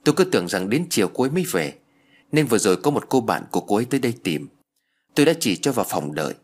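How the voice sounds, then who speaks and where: A man's voice: on the low side, sing-song, rapid-fire, breathy edge. A man reading a ghost story and voicing a matter-of-fact receptionist who explains insistently.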